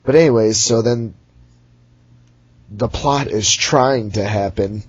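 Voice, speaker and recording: A man's voice: on the low side, takes it slowly, husky, no room sound, lo-fi sound. A young man giving a rambling, sarcastic recap of a movie in casual chat, recorded at home on a computer mic. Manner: rambling, sarcastic, mocking character voices. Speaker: movie reviewer.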